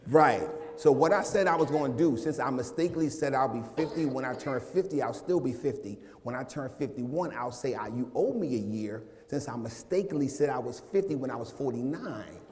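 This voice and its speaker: A man's voice: mid-range voice, a little fast, few pauses, a little mellow. A man in his forties, a minister, giving a joking, conversational sermon with playful asides. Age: 40s. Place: church sanctuary. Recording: long reverb of a large church.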